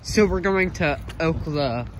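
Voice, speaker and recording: Loud joking young man vlogging. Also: fairly high pitch, unhurried, background noise. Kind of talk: casual vlog banter.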